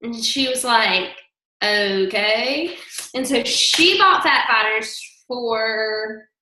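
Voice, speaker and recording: A woman's voice: sits high, echoey room, low-quality recording. A woman casually telling a story on a group call, often breaking into laughter as she talks. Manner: giggly, breaks into laughter, animated. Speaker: team member sharing her story.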